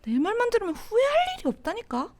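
A woman voicing a cocky, teasing teenage girl classmate in a Gyeongsang dialect, in a whispered role-play with a soft, close-mic delivery. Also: very high-pitched, very animated, fast, exaggerated voice. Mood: playful. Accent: Gyeongsang Korean dialect. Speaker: voice actor.

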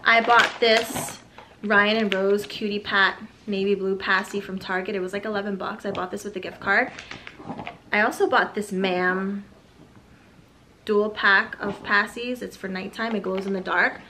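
A woman's voice: medium pitch, steady tone, measured pace, bright, forceful tone, slight background noise. A young woman, an expectant mother, chatting casually through a haul of baby items, a little out of breath, with fillers and asides. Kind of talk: casual product haul vlog.

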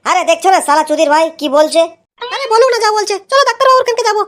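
A woman voicing a fussy, anxious young village wife in a cartoon, with a high pleading whine. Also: animated, rapid-fire, fairly bright tone. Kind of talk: cartoon voice acting.

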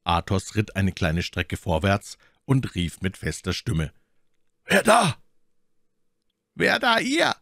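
A man's voice: deep voice, dry recording, studio quality. A man reading a classic novel aloud as audiobook narrator, telling the story expressively. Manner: expressive storytelling, acts out the dialogue.

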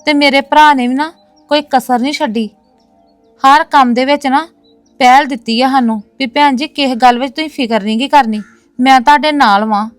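A proud, insistent woman in a drama series who keeps defending her brother and his family, played by an actress. Her voice sits fairly high and sounds dry and close, with faint music underneath. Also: fairly even intonation, a little fast, no room sound, close to an everyday voice. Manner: earnest, insistent, repeating "no, no, sister". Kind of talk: domestic drama acting.

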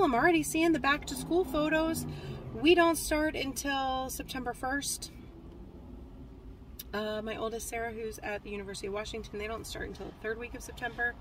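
A woman's voice: a little high, background noise. A woman in her forties chatting casually to a phone camera from a parked car, rambling with lots of fillers and restarts. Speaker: cross-stitch vlogger. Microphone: phone camera at arm's length.

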